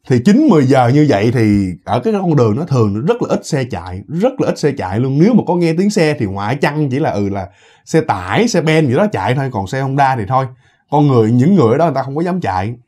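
Fast-talking husky Southern Vietnamese man. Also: mid-range voice. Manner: animated, repeats words, addresses listeners. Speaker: ghost story teller. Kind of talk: casual ghost story narration.

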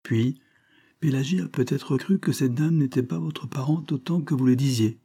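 A man reading aloud, voicing a polite, uneasy Parisian gentleman who speaks with reserve. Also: mid-range voice, normal speed, gravelly, husky, pitched above the performer's own voice. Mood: reserved.

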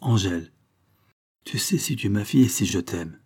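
A devoted foster mother of a storybook, steadfast and soft-spoken, as a man reads her. The voice stays low, dark and a little husky, calm and gentle. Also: normal speed.

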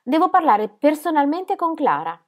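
A woman's voice: high voice, very animated, normal speed, pitched above the performer's own voice. A woman voicing a bold, ragged street boy. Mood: cheeky.

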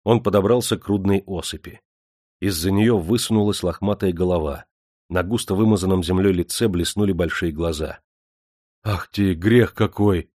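A man narrating an audiobook in a steady, measured storytelling manner. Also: low voice, dry recording, studio quality. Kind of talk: scripted narration.

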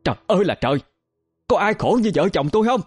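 A spiteful peasant aunt, as a male narrator puts her on, her voice shooting high as she shrieks abuse at a fast clip. The story runs over faint music in the background. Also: very animated, breathy edge, heavily acted. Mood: shrieking. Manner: screeching, scolding, rapid-fire abuse. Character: shrill, cruel middle-aged peasant aunt.

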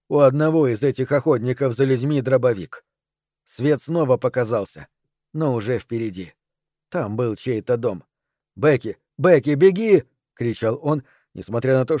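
A man narrating an audiobook with a steady, even delivery. His voice sits in a middle range. The recording is dry and close, with no room sound. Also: mid-range voice, no echo.

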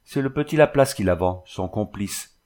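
A man's voice: fairly low pitch, animated, normal speed, a little mellow, natural voice. A man doing a smug, eager village shopkeeper. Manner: eager and pleased with himself. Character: excitable, self-satisfied village haberdasher.

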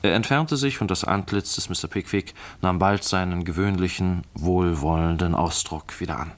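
A man reading a classic novel aloud as narrator, in a measured, clear storytelling manner. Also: low voice, slight background noise. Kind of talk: scripted literary reading.

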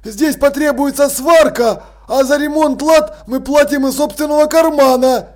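A man's voice: extremely high pitch, fairly even intonation, unhurried, voice pushed up. A man voicing a grumpy male zombie constable of a city watch, complaining in a cranky, aggrieved way. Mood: grumbling.

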